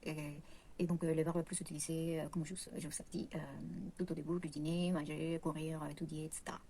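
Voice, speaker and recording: A woman's voice: sits low, level tone, fairly quick, mellow, a little hiss or hum. Hesitant woman. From Latin America. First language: Spanish. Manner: hesitant, many fillers and self-corrections. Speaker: language teacher. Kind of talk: casual online lesson.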